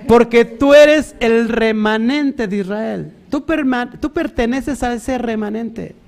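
A man preaching a sermon, animated, asking rhetorical questions and mimicking other people. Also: extremely high pitch, takes it slowly, vocal fry.

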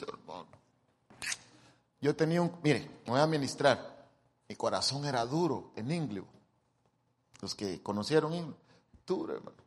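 A middle-aged man preaching a humorous sermon, joking and acting out the people he quotes. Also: medium pitch. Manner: jokey, animated, acts out quoted people. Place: church hall. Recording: long church-hall reverb.

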